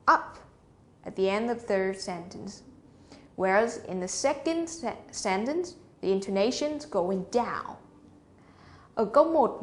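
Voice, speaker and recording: Slow-talking woman teacher. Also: a little high, a little hiss or hum. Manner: explains slowly, switching between English and Vietnamese. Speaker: English teacher. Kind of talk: bilingual classroom instruction.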